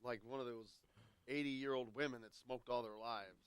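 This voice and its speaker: A man with an American Midwest accent hosting a sports radio show while he has a cold, arguing his points in lively, joking banter. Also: medium pitch, moderate pace, clean tone, dry recording. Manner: animated, argumentative, jokey.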